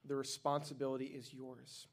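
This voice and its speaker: A man's voice: medium pitch, flat delivery, normal speed, natural voice. A man reading the lines of a stern Roman governor in a scripture reading, with a questioning, slightly raised delivery.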